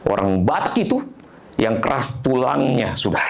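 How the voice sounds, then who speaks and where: A man, a pastor telling a humorous story in an animated sermon. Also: medium pitch, moderate pace, gravelly.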